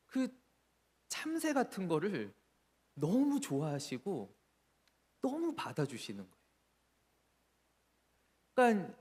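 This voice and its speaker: A man preaching a sermon as a pastor, telling stories in an animated way and acting out the voices he quotes. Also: high voice. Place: church sanctuary. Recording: church hall reverb.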